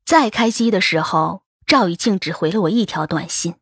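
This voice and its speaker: A woman's voice: on the low side, lively intonation, moderate pace, fairly bright tone, husky, no room sound, studio quality. A woman narrating a first-person novel as an audiobook, in a wistful, emotive storytelling manner.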